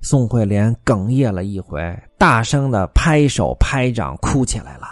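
A man narrating a classic tale in traditional storytelling style, lively and with wry asides. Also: on the low side, measured pace, no echo, clean studio sound, faint music behind.

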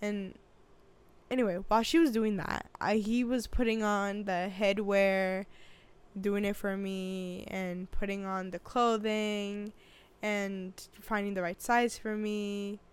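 A woman's voice: mid-range voice, slow, clear, resonant tone. A woman in her twenties telling a story in casual chat, acting out what people said and laughing often. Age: 20s. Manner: animated storytelling, acts out quotes, laughs often. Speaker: vlogger.

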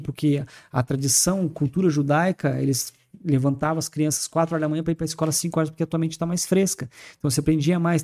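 A man with a Brazilian accent, a podcast guest, telling stories in a fast, animated way in a studio. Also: a little high. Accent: Brazilian Portuguese. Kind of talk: casual podcast talk on faith.

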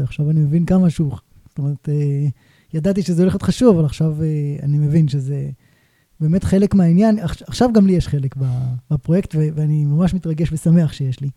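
A male podcast host with a slightly high but very dark voice. He thinks aloud in long, winding sentences during a casual interview, recorded dry and close to the mic. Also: dry recording.

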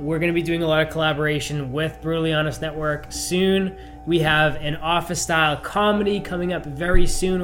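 A man co-hosting a podcast, closing the show in a slow, halting, flat robotic manner of speaking. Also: on the high side. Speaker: podcast co-host. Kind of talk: podcast sign-off.

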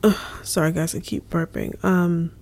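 A young woman speaks as a ministry leader in a casual devotional talk, slow and earnest, repeating her points. Her voice sits a little low and sounds mellow. She often slips into a soft, half-whispered delivery. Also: steady tone. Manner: earnest, repetitive, soft-spoken with whispery stretches.

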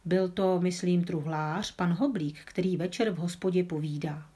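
A woman tells a children's story aloud in a calm, even voice that sits a touch low. She reads steadily and stumbles now and then on a word. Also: slightly rough. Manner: calm, with small slips.

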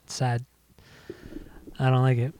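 A man's voice: mid-range voice, completely flat delivery, a little slow, warm tone, smooth. A man co-hosting a casual music podcast, winded after a bike ride, rambling with lots of restarts and fillers. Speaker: podcast co-host. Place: home.

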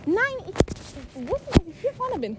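A woman's voice: very high-pitched, big pitch swings, a little slow. A teenage girl chatting casually with a friend in a park and talking to her viewers, breathless and argumentative. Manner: breathless, arguing and addressing viewers. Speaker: vlogger. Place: outdoors in a park. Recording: phone recording with park noise.

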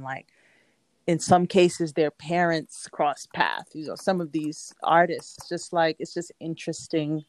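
In a dry recording, a low-pitched female voice belongs to a Queens, New York poet and performer appearing in a relaxed interview. Her talk is thoughtful and slightly meandering, with frequent laughter.

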